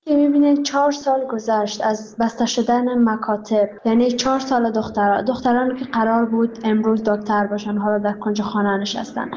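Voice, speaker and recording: A woman's voice: on the high side, steady tone, few pauses, darkish tone. A woman with an Afghan Dari accent, a former schoolgirl, speaking in a bitter, plaintive manner in an interview. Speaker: former student. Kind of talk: interview comment. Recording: dull remote recording.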